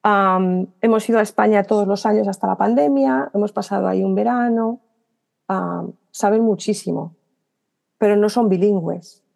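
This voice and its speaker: A middle-aged woman from Spain speaks with a Spanish accent as a podcast guest, in a mellow, warm voice with a good deal of vocal fry. She tells her stories in quick bursts, breaking off to correct herself, and plays out the voices of people she remembers talking with. Her pitch sits in the middle range for a woman. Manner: lively storyteller acting out remembered dialogue; talks in quick bursts with restarts and self-corrections. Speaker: guest writer. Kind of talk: podcast interview conversation.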